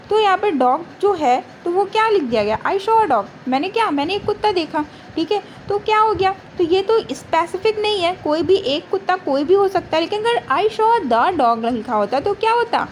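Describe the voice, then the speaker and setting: High, lively woman teaching grammar. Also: a little hiss or hum. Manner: asks questions and answers them herself; reads English rules slowly, then explains. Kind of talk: exam-prep grammar lesson.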